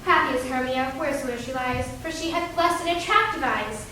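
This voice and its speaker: Woman as a lovelorn young maiden: high, pleading verse, far and echoey. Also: brisk, bright, forceful tone, a little hiss or hum.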